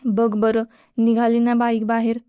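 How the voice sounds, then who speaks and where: A woman's voice: on the high side, completely flat delivery, unhurried, warm tone, smooth, dry recording, clean studio sound, lightly acted. A woman voicing a firm, matter-of-fact middle-aged mother.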